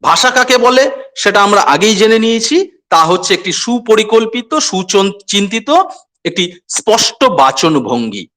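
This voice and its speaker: A man from West Bengal giving a lecture to students, repeating key phrases and speaking to them directly in a measured, explanatory way. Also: sits high, lively intonation, fairly bright tone. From West Bengal, India. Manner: measured explanatory delivery with pauses. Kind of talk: online lecture.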